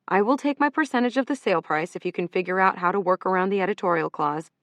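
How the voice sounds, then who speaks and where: A woman's voice: lowish voice, fast talker, fairly bright tone, dry recording, lightly acted. A woman narrator voicing a wronged female editor who speaks firmly and in clipped, barely controlled lines. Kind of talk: audiobook character reading.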